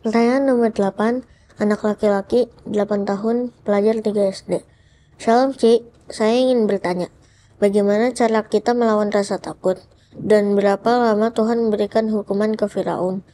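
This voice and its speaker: Mellow woman reading questions aloud. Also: medium pitch, fairly even intonation, normal speed. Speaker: reader of viewer questions.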